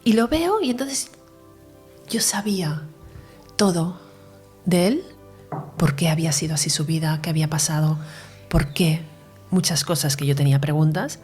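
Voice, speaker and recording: Recounting her near-death experience for an interview, a woman speaks earnestly and emotionally, at times falling to a whisper. Her low, darkish voice is expressive, with a moderate pace and long pauses. Faint music plays behind her.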